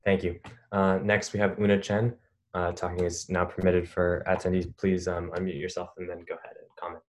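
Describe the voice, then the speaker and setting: Deep-voiced man moderating a meeting. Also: completely flat delivery. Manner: brisk, polite procedural calls. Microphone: video call.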